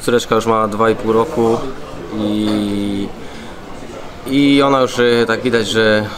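Man, thirties, low voice, halting speech, hotel room interview, crowd murmur behind. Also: steady tone. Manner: hesitant, many pauses and fillers. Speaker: footballer. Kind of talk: casual interview.

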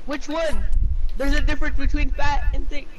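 Very high-pitched young male gamer, noisy chat. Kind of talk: casual chat. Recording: noisy game voice chat with clicks.

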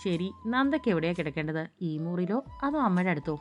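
A woman's voice: fairly low pitch, expressive, fast, faint music behind, lightly acted. A woman voicing an affectionate middle-aged mother-in-law who speaks in a doting, coaxing way in a storybook reading.

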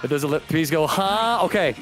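A man commentating a fighting game tournament live, excitable and joking. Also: a little high, brisk. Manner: excitable, shouts and jokes. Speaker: esports commentator. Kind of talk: hype play-by-play commentary. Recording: commentary over loud game music.

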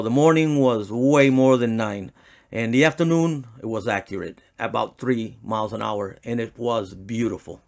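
A middle-aged man with a mid-range voice hosts a boating channel from an open boat on windy water outdoors. Recorded on an action camera held close, he talks in an easygoing, rambling way full of fillers and restarts.

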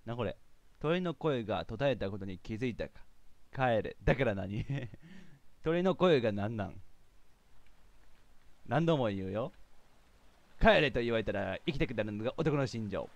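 Lively male game streamer. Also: on the low side, moderate pace, pauses often, no room sound. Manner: chatty, jokey, reacts out loud to himself. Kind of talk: casual game commentary.

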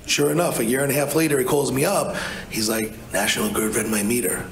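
An energy advisor speaks bluntly and chattily on a panel in a large hotel conference room, restarting often and saying "you know." His mid-range voice is quick and steady in tone with vocal fry. The low-quality recording is echoey, with slight background noise.

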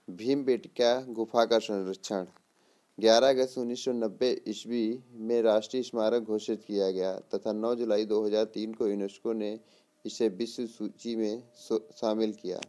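A male teacher reads an exam lesson from his notes in a deliberate manner, asking questions and then answering them, sometimes repeating words. His voice is fairly low and warm.

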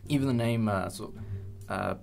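A young man with a fairly low, gravelly voice talks casually in a behind-the-scenes interview about the fan audio drama he created. He rambles and hesitates, pausing often. A light music bed with guitar plays under his speech.

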